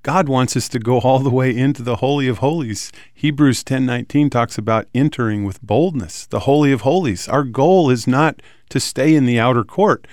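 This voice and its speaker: A man's voice: mid-range voice, moderate pace, few pauses, dry recording, clean studio sound. Enthusiastic male Bible show host. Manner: warmly enthusiastic, quoting scripture. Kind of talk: conversational Bible teaching.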